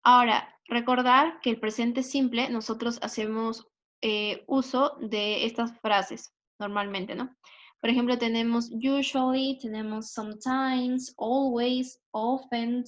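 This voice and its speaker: A woman's voice: on the high side, fairly even intonation, takes it slowly. A woman with a Peruvian Spanish accent, explaining English grammar patiently over slides, with many fillers and tag questions. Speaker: English teacher. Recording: dull lo-fi recording.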